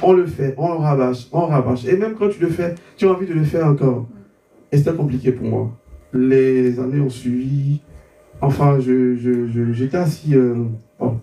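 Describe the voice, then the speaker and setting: Man telling his story, warm tone. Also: mid-range voice, moderate pace. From Côte d'Ivoire. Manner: stumbling repetitions, re-enacting dialogue. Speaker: guest giving a testimony. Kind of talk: conversion testimony, storytelling. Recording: roomy sound, distant mic, faint background hum.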